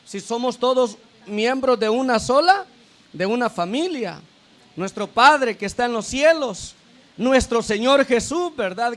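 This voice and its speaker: A man with a very high-pitched voice preaches a sermon as a deacon. He keeps turning to the congregation with tag questions and calls them brother and sister. He often repeats and restarts his phrases as he goes. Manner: addresses listeners as brother and sister.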